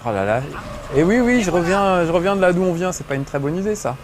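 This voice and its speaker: A middle-aged man chatting through a gameplay session, joking and swearing casually as he plays. His voice is fairly high and swings widely. A faint noise sits underneath. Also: lively intonation, fast. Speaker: host playing a video game. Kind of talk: gameplay commentary.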